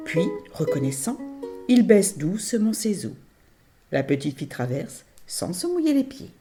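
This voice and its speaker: A woman storyteller telling a children's tale in an animated, playful way. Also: fairly low pitch, a little slow, faint music behind.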